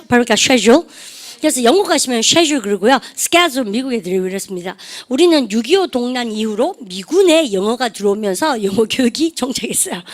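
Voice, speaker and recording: High-voiced woman teacher coaxing her class. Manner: coaxing, call-and-response, repeats "여러분들" constantly. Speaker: English teacher. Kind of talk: classroom vocabulary lecture.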